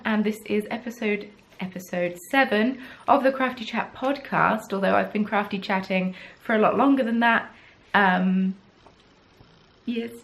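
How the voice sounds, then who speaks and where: A young woman from the south of England, with a Southern English accent, hosts a casual crafting podcast, chatting in a rambling, self-deprecating way. Her voice is medium-pitched and a bit bright.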